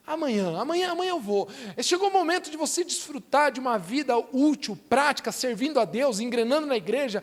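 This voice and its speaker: High-voiced Brazilian pastor preaching. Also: male voice. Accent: Brazilian Portuguese. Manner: animated, repetitive, emphatic storytelling. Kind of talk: sermon. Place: church hall. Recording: reverberant church hall.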